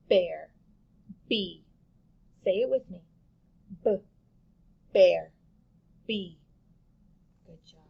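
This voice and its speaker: A woman leads a phonics lesson for small children. She speaks very slowly and stretches each letter sound so the kids can copy it. Her voice has a light gravelly creak. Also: mid-range voice, a little mellow. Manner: slow, patient, exaggerated letter sounds. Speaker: teacher.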